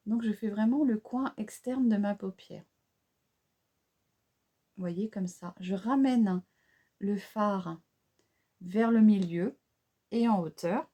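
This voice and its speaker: Woman, French accent, makeup tutorial vlogger, slow unhurried talk, mellow warm tone, hesitant chatty fillers. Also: mid-range voice. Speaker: beauty vlogger.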